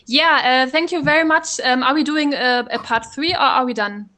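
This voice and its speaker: A woman joining a casual group call, speaking softly with a giggle. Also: high-pitched, moderate pace.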